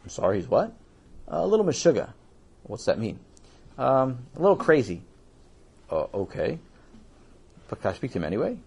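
A man voicing a patient, apologetic older schoolboy brother who talks quickly and a bit flustered. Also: mid-range voice, huge pitch swings, gravelly, darkish tone, breathy edge, exaggerated voice. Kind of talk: children's audio story.

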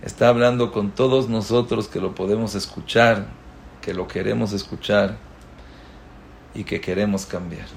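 A man giving a religious lecture as a rabbi. He tells stories and swings from loud exclamations to hushed asides. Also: on the low side, fairly even intonation, normal speed, gravelly, a little hiss or hum. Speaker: rabbi giving a Torah talk.

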